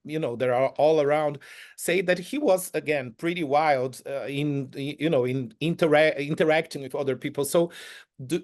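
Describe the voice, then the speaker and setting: A man from Brazil asks questions, pausing and restarting as he looks for the right English words. His voice sits a little higher than most men's. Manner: halting, searching for words. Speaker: interviewer. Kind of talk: interview questions.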